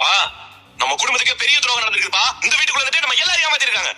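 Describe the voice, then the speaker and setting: A brash son from a family TV serial, speaking with a Tamil Nadu Tamil accent in a high, lively, husky voice that races along. His loud, blunt accusations ring in a long hall reverb, and music plays under the scene. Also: racing, heavily acted. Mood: accusing. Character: brash adult son exposing a family deceit.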